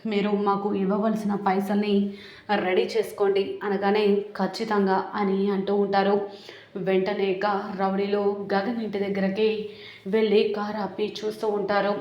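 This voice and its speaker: Woman, serial recap narrator, steady storytelling, mellow tone, roomy echo. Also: medium pitch, moderate pace, lo-fi sound. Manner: steady storytelling, reading quoted lines in her own voice. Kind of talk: retelling a TV serial episode.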